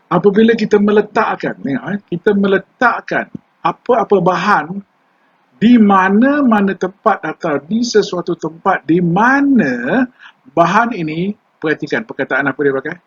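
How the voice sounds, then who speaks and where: A man's voice: sits high, expressive, normal speed, husky. An older man with a Malaysian Malay accent, teaching environmental law in a chatty lecture style, mixing English terms into his Malay and putting questions to the class. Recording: dull lo-fi recording.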